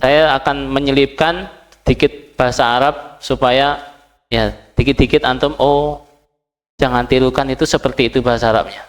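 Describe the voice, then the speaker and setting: A man's voice: mid-range voice, steady tone, moderate pace. A man teaching an Arabic class, patiently saying each phrase and translating it, and checking often that his students follow. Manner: quizzes the class with short questions. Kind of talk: classroom language lesson.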